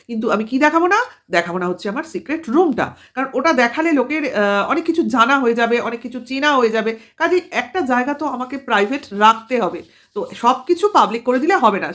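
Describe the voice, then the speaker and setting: A woman's voice: fairly high pitch, animated, fast, a bit bright. A woman vlogger, giving a combative, lecturing commentary full of pointed rhetorical questions. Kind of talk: commentary monologue to camera.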